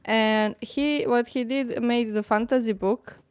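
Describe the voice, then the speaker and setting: A woman's voice: on the high side, steady tone, unhurried, smooth, dry recording. A woman from Serbia speaking English with a Serbian accent, chatty, with slightly non-native phrasing, as a guest artist. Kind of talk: casual chat. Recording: slightly dull call audio.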